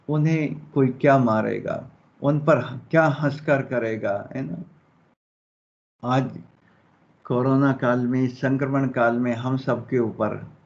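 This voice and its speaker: Slow-speaking male teacher, dull audio. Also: medium pitch, vocal fry, a little mellow. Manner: slow, explanatory, checks in with students. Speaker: Hindi teacher. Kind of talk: classroom lesson explaining a story.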